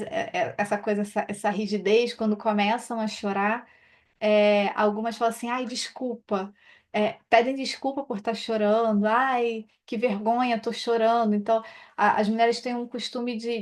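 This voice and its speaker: A Brazilian woman therapist with a slightly high voice comments informally on a book chapter she's reading, in a conversational tone. She hesitates a lot, with many fillers and restarts.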